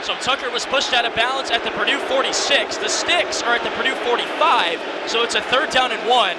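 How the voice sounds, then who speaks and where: Loud background noise and a stadium crowd are audible as a man in his early twenties calls a college football game for radio. As the play-by-play announcer, he speaks quickly in a very high voice, using short, vivid present-tense phrases.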